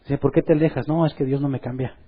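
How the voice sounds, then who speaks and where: A man preaching a sermon in church, lively, and acting out the voices of the people he quotes. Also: mid-range voice, quick pace, slightly rough, phone-quality sound. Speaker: pastor.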